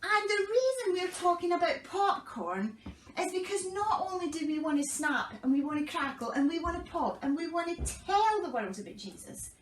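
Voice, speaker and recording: A woman, a children's pastor, tells children a Bible story with a high, bright voice. Her pitch swoops widely and her pace is slow. The recording is roomy and echoey, with the mic some way off and faint noise behind. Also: far from the mic. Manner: lively and animated, storytelling to children.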